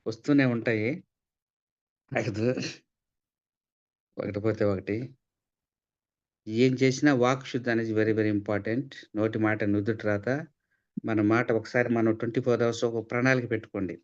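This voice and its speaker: A man's voice: on the low side, fairly even intonation, measured pace, pauses often. A man giving a spiritual talk, asking rhetorical questions and repeating points for emphasis. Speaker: spiritual speaker. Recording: slightly dull lo-fi sound.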